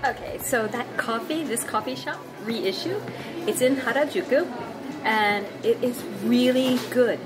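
A bubbly woman in her forties hosts a casual travel vlog, gushing over what she finds. She talks unhurried and slightly high, close to a phone held near her face. Loud music plays under her voice. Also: poor audio. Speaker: vlog host. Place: small quiet cafe indoors.

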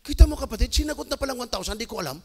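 A man from the Philippines preaching a sermon as an evangelist, telling stories with sudden shouted bursts. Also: very high voice, rapid-fire, creaky, husky. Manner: animated storytelling with bursts of shouting. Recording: long hall reverb.

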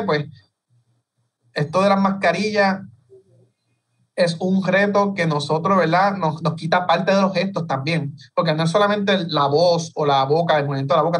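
A middle-aged man from Puerto Rico, an interview guest, explaining earnestly with frequent restarts over a video call. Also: high voice. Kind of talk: interview conversation. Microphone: video call from home. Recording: distant video call audio.

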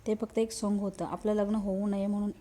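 A woman's voice: medium pitch, flat delivery, fairly quick, dark tone, natural voice. A woman voicing a vengeful, possessive female ghost, by turns menacing and mournful, in a storybook reading. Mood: threatening.

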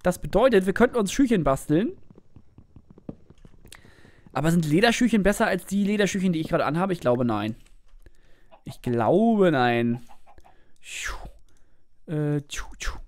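A young adult with a German accent gives excitable, casual commentary over gameplay. The voice leaps up and down in pitch and talks straight to the viewers. Swearing comes out often. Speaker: gaming video creator.

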